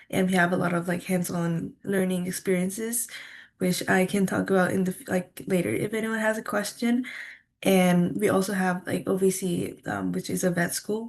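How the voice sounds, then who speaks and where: A young woman from Thailand answers panel questions on a video call. Her voice sits slightly low. She talks casually and leans on fillers. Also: gravelly. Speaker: graduate student panelist.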